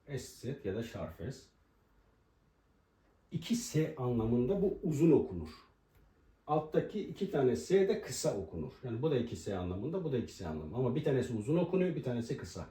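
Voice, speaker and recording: A man teaching a language lesson at a board, explaining pronunciation and slowly repeating each example word. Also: medium pitch, big pitch swings, dark tone. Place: room with a writing board. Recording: roomy echo, voice from a distance.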